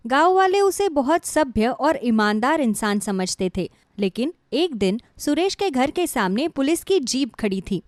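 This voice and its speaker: A woman narrating a scripted bedtime moral story in an even, measured storytelling manner. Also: sits high, no room sound, clean studio sound.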